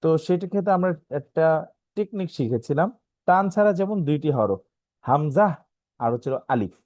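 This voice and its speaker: A man teaching a free online class, recapping lessons and slowly drilling letter sounds one by one, often asking the class to check along. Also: fairly high pitch, animated, darkish tone, dry recording. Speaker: Quran language teacher.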